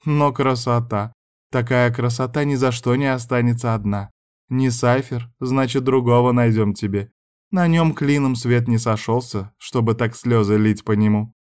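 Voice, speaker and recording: A man's voice: medium pitch, steady tone, a little mellow, smooth, close to an everyday voice. A man playing a bossy older noblewoman. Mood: brisk. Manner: brisk, commanding, scolding.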